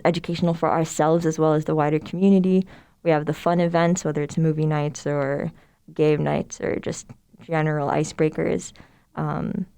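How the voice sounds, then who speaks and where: With a deep, creaky yet clear and resonant voice, a young woman from Somalia talks as a podcast guest. She's a student club president, relaxed and friendly, explaining at length in a casual way full of fillers. She's in a room with others.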